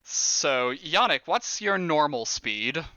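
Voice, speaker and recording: Bright animated game master man. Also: fairly high pitch, takes it slowly, no echo, lo-fi sound. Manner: animated, laughing, swears casually. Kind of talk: running a tabletop horror game.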